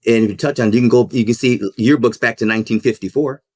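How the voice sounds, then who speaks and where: A man's voice: mid-range voice, fairly even intonation, darkish tone, no echo, studio quality. A man who is a school principal and minister, speaking in a podcast interview in an earnest, reflective way that halts and repeats words. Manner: halting, repeats words while thinking.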